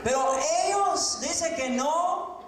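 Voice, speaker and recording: A man with a very high voice preaches a sermon in a church sanctuary. He shouts at the peaks and teases the congregation with playful questions. The hall rings with heavy echo, and music plays behind him. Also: animated, slow. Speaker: pastor.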